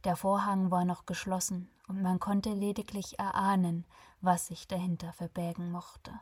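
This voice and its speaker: A woman narrating an audiobook in a soft, hushed, breathy voice, often near a whisper. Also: fairly low pitch, flat delivery, moderate pace, dry recording, studio quality.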